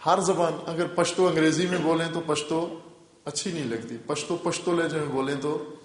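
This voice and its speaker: A man's voice: a little high, fairly even intonation. A male Islamic scholar giving a religious lecture with a Pakistani Urdu accent, explaining step by step and repeating key terms for emphasis. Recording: echoey hall reverb.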